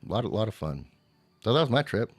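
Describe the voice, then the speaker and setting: A man co-hosting a chat show, telling a long, animated travel story in a casual way. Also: fast, slightly rough, no echo. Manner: animated storyteller, mimics a screaming child in high squeals. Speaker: podcast co-host.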